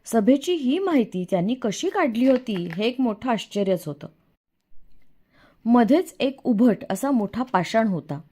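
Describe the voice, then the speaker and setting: Expressive woman reading a novel aloud. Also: on the high side, unhurried. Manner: expressive, storytelling. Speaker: audiobook narrator. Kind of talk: first-person novel narration.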